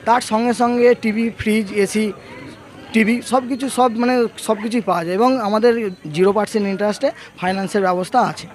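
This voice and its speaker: A man's voice: high-pitched, fairly even intonation, brisk. A man with a West Bengal Bengali accent giving a promotional interview as a shop owner, emphatic and repetitive, mixing in English words. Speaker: mobile showroom owner. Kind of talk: promotional interview, recapping a prize draw.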